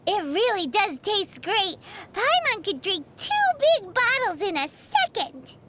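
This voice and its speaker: Paimon, a squeaky cheeky sprite. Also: female voice, very animated, a little slow, a bit bright, exaggerated voice. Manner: bubbly, cheeky, refers to herself by name. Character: tiny cheeky floating girl companion, chatty. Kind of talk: video game dub dialogue. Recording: game audio with music behind.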